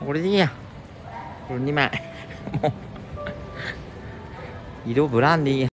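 A man live-streaming from a handheld phone while out shopping, chatting casually and grumbling in rough everyday speech. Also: mid-range voice, a little slow, background noise. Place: shopping street and store, outdoors and indoors.

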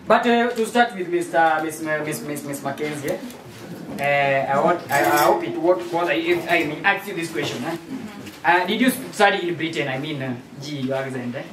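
Man playing a high-voiced chatty surveillance expert. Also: moderate pace, fairly bright tone, natural voice. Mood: explaining. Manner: hesitant, tags sentences with "eh?". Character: male American wireless-surveillance expert, chatty. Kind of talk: amateur stage play acting. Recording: roomy, distant mic with faint noise.

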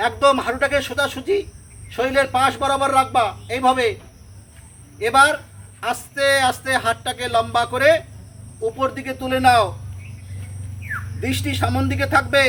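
A woman's voice: high voice, level tone, normal speed, long pauses, a bit bright, low-quality recording. A woman yoga teacher, leading a class of schoolchildren and giving step-by-step commands and counting aloud.

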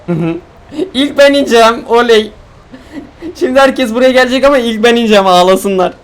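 A young man from Turkey giving excitable, joking commentary while he streams a game, complaining loudly and then muttering low. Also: a little fast, smooth. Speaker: gaming streamer. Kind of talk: casual gameplay commentary. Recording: faint game noise and gunfire behind.

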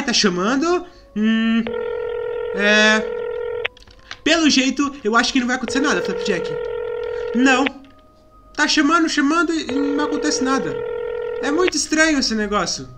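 A young man with a Brazilian accent commenting on a game for viewers, acting scared and excited. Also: extremely high pitch. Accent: Brazilian Portuguese. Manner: dramatic, feigns fear, talks to viewers and companion. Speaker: gaming youtuber. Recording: background music under voice.

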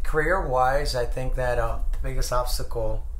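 A man's voice: medium pitch, normal speed, a bit bright, a little hiss or hum. A young man from Colombia, a musician, answering interview questions casually to camera from a living-room sofa, with many fillers and restarts.

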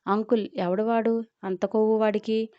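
A woman's voice: on the high side, flat delivery, normal speed, dry recording, lo-fi sound, natural voice. A woman voicing an angry jilted young groom in an audio story. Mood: seething.

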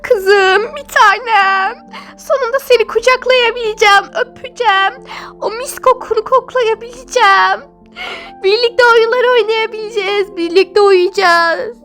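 A woman's voice: very high-pitched, measured pace, a bit bright, faint music behind, pitched above the performer's own voice. A woman voicing a poor young mother giving birth, tearful and pleading, in a Toca Life role-play. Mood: tender.

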